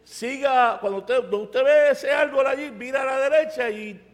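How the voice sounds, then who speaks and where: A man voicing a brisk, helpful male army sergeant who gives directions loudly and emphatically. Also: very high-pitched, voice pushed up. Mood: commanding, helpful. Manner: loud, emphatic, commanding. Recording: reverberant church sanctuary.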